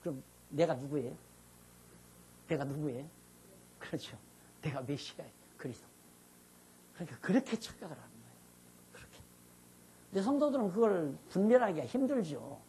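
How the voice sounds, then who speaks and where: A man's voice: a little high, expressive, normal speed, pauses often, slight background noise. An older man, a pastor, giving a chatty, self-reflective Bible lecture while seated before a class. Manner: chatty, self-reflective, sometimes mimics shouting preachers. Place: seated, speaking informally to a class.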